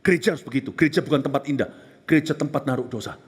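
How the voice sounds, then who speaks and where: A man preaching a passionate sermon, moving between raised exclamations and hushed, whispered moments. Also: mid-range voice, very fast, breathy edge. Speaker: pastor.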